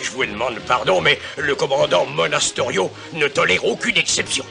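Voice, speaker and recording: Gravelly, drill-sergeant army sergeant. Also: male voice, on the high side, normal speed, pushed and bright, soft background music, full character voice. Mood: officious. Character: blustering, deferential sergeant, obedient to his commandant. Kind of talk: French-dubbed television adventure acting.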